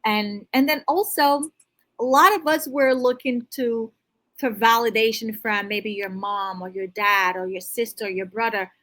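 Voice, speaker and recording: This woman's voice runs on the high side, steady and sharp, and she takes her time. As a financial coach talking unscripted in an interview, she pushes motivational advice straight at the listener, restarting thoughts partway through.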